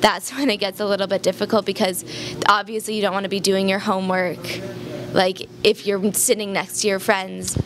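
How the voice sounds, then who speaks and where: A woman's voice: mid-range voice, little pitch movement, moderate pace, a crowd in the background. A teenage girl, a senior skier, answering interview questions in a chatty, easygoing way. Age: teens. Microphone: handheld mic.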